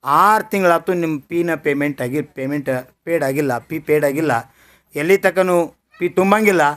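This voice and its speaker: A man voicing a harsh female school principal who scolds and shouts. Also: fairly high pitch, normal speed, lightly acted. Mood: scornful. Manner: shouting, contemptuous.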